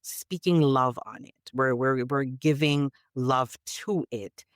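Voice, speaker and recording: Taking it slowly in a bass voice, a woman from Canada reflects and speaks emphatically as a storyteller guest in conversational podcast talk. The sound is dry and studio-clean.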